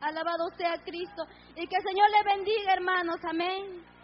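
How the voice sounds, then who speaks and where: A woman's voice: extremely high pitch, fairly even intonation, normal speed. A woman giving a fervent, tearful church testimony, calling out praises as she speaks. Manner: tearful, fervent, calls out hallelujahs. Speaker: testimony giver. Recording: muffled lo-fi recording with faint hum.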